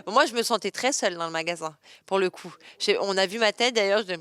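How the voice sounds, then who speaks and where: A woman's voice: mid-range voice, fairly quick, a bit bright, clean tone, dry recording. A young woman answering interview questions in an open, chatty way, with frequent fillers and restarts. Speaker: interview guest.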